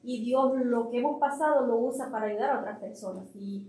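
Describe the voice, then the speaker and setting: A woman's voice: on the high side, a little fast, warm tone. A middle-aged woman, a church member, earnestly telling a personal testimony and quoting what others said. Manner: earnest storytelling, quotes others. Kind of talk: sharing a testimony. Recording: echoey room.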